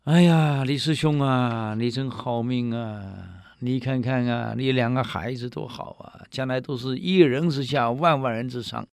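A man's voice: medium pitch, a little slow, creaky, few pauses, no echo, clean studio sound. A man voicing a sly, self-pitying male court strategist who sighs and wheedles. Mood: wheedling. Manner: wheedling, sighing.

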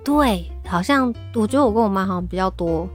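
A woman's voice: mid-range voice, fairly quick, faint music behind. A woman, co-hosting a casual talk show and telling stories with animation and frequent laughs. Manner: animated storytelling, often laughing. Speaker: podcast co-host. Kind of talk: casual chat.

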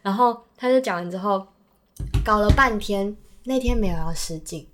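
A young adult woman, a podcast guest and actress, telling a story in casual chat, animated and quick to act out the people she quotes. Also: background noise. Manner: animated, acts out quoted people with a lowered soft voice; bursts into loud laughing exasperation.

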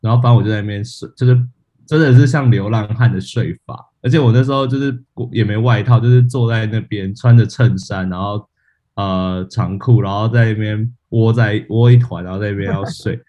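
Low-voiced man telling a drunken story. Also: fairly quick, highs cut off. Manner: animated storyteller, laughs at himself, acts out quotes. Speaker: podcast co-host. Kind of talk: casual storytelling chat.

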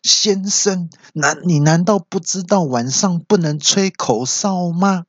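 Figure: indignant loud old uncle, a man doing the voice. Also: sits high, unhurried, husky, no room sound, voice pushed up. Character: grumpy old man in a public toilet. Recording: dull lo-fi podcast recording.

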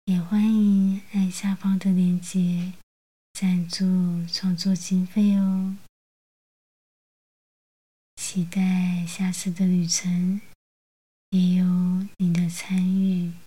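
A woman narrating a guided bedtime relaxation like a sleep story narrator, in a soothing, hushed, breathy near-whisper with long pauses. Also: fairly low pitch, little pitch movement. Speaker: host of a bedtime relaxation show.

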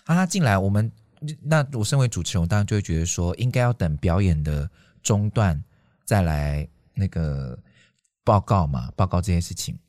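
A man's voice: deep voice, moderate pace, no room sound, studio quality. A man, co-hosting a casual podcast chat and telling stories about his emcee work, acting out the dialogue. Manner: animated, acts out quoted dialogue. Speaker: podcast co-host and event emcee.

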